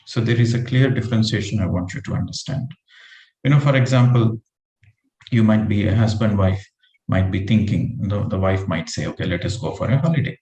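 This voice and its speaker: A man with a warm, mellow voice gives a meditation teaching talk. He explains patiently, reaching for everyday examples. The sound carries a noticeable room echo. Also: fairly low pitch, moderate pace. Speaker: spiritual teacher.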